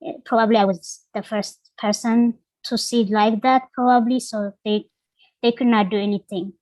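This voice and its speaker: A young woman from Ethiopia, a guest on an interview podcast, telling her life story in an earnest, halting way, with many fillers. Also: on the high side, steady tone, a little mellow, dry recording, low-quality recording. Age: young adult. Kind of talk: personal storytelling.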